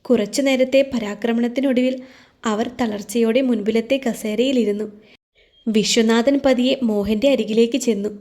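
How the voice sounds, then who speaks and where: A woman storyteller giving a steady, emotive scripted narration of a romance novel. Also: fairly high pitch, normal speed.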